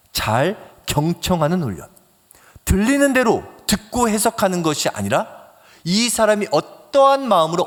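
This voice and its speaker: A man pastor preaching a sermon in a lively, animated way, swinging between loud emphasis and soft near-whispers and acting out quoted phone talk as he tells a story. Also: high-pitched. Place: church sanctuary. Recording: long church reverb.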